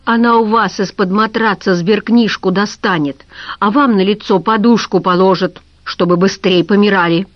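A woman's voice: mid-range voice, fairly even intonation, moderate pace, dry recording, lightly acted. A woman voicing a bitter middle-aged businessman who speaks coldly and sarcastically. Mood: cold sarcastic. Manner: cold, cutting and sarcastic. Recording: dull lo-fi recording.

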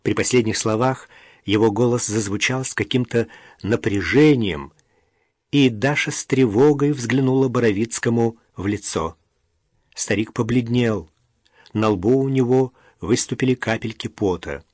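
Steady male audiobook narrator. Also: medium pitch, a little slow, no echo, studio quality.

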